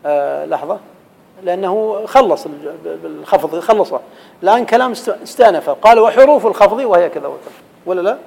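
A man's voice: high voice, expressive, quick pace, creaky, a little mellow, long reverb tail, rough recording. A man teaching an Arabic grammar lesson, quizzing his students and reciting verse. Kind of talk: classroom lesson.

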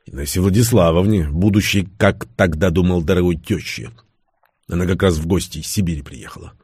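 An audiobook narrator voicing a weary older male ex-KGB official, speaking in a measured, rueful way. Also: low voice, a little mellow, husky, no echo, clean studio sound. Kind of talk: audiobook character reading.

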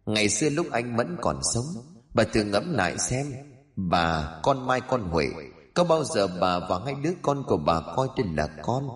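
A man's voice: on the low side, big pitch swings, normal speed. A man voicing a cold vengeful female ghost. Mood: bitter. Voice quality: hushed, eerie, cold.

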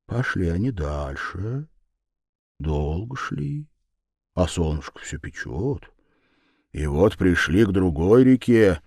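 A man narrating a fairy tale in a slow, lively storytelling manner. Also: sits low, gravelly, no room sound, clean studio sound.

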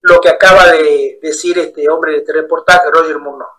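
A man preaching in a sermon-style Bible study, telling stories in an animated way. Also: fairly high pitch, normal speed, low-quality recording. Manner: animated storyteller acting out quoted voices.

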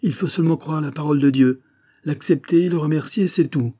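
A scandalized religious preacher thundering rebukes, as a male narrator puts him on. His husky, mellow voice rises in pitch and grows loud. It comes across as an audiobook character. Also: a little fast, no room sound, clean studio sound. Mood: stern. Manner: shouting rebukes. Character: angry scandalized male imam, stern.

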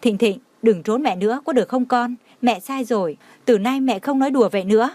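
A woman's voice: a little high, a little fast, a little mellow, dry recording, lightly acted. A woman reading as a desperate young mother. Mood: pleading. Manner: pleading, tearful. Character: desperate young mother searching for her son.

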